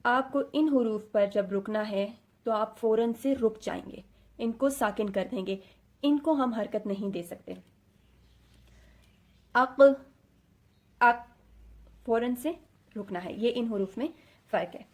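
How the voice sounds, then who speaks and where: A fairly high-voiced woman with a Pakistani Urdu accent teaches a recitation lesson. She explains each point patiently and sounds out short syllables to demonstrate. English words slip into her speech now and then. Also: darkish tone. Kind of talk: explanatory lesson, addressing students.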